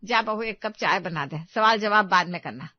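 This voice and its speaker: A woman's voice: mid-range voice, moderate pace, no echo, highs cut off, close to an everyday voice. A woman doing a bossy, scolding mother. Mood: stern. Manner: stern, scolding tone. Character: middle-aged mother, bossy and protective.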